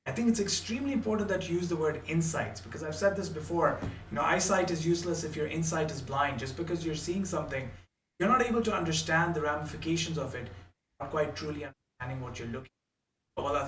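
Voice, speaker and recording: A man's voice: on the high side, fast talker, fairly bright tone. A man moderating an online panel discussion, speaking in a polished way and quoting proverbs. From Canada. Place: home office in Ontario. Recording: roomy distant mic, faint hum.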